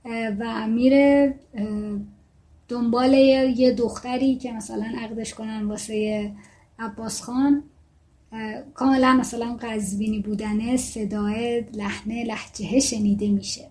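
A woman's voice: a little high, steady tone, a little mellow. A woman speaking Persian with Gilaki as her mother tongue, giving a casual lesson on a book about writing and thinking aloud with fillers and self-corrections.

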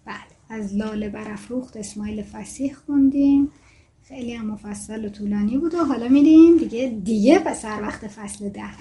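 Woman, native Gilaki speaker, mellow tone, relaxed lesson delivery with fillers and restarts. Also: a little high. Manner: chatty, thinking aloud with fillers and self-corrections. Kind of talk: casual lesson, reading book excerpts aloud.

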